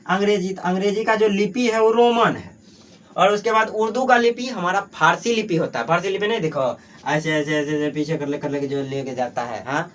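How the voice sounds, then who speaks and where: A young man with a Bihari Hindi accent and a notably high voice leads an exam-prep grammar lesson. He keeps putting questions to the class and answering them himself, and he leans heavily on the filler "jo hai" as he explains. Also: slight background noise. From Bihar, Mithila region. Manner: asks and answers his own questions, heavy filler "jo hai". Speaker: teacher.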